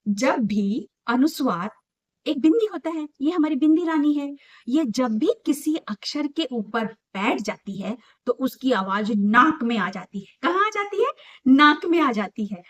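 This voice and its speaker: A young woman with a slightly high voice gives a lesson to small children. She talks in an emphatic, sing-song way. She asks questions and answers them herself. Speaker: teacher.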